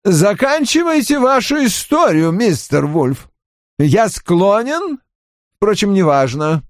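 In a clean studio with no echo, a man voices a composed but tense male suspect who speaks in a curt, clipped way. He uses an exaggerated, high-pitched voice above his own natural pitch, with big pitch swings and a slow pace.

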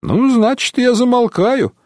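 A man's voice: extremely high pitch, a little slow, a little mellow, dry recording, studio quality, voice pushed up. A man voicing a wry, evasive wandering goliard scholar for an audiobook. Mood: sulky.

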